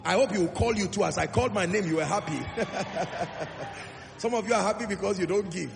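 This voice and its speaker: A man with a high, gravelly voice preaches a sermon in a big church hall, and his words ring out with a long echo over faint music. He piles up repeated lines and builds to loud exhortation, then drops into a low, earnest tone. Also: moderate pace, noisy background. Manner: emphatic, rising repetitions, shifts between loud exhortation and low earnest tone.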